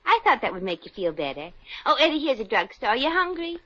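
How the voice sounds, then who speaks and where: On a dull old radio recording, an actress plays a brassy, slangy young working-class woman in a 1950s radio drama. Her fairly high voice is sing-song, fairly quick, sharp-toned and exaggerated, and her speech comes out street-smart and ungrammatical.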